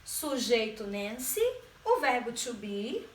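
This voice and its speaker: A woman's voice: a little high, very animated, takes it slowly, slight background noise. A woman with a Brazilian Portuguese accent teaching an English grammar lesson, patiently stretching key words and checking that the learners follow. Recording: roomy sound from a distance.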